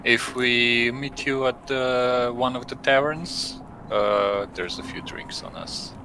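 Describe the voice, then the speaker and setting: A man's voice: mid-range voice, fairly even intonation, slow pace, pushed and bright, a little hiss or hum. A man playing a tabletop game, talking casually and hesitantly in role. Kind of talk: casual role-play chat.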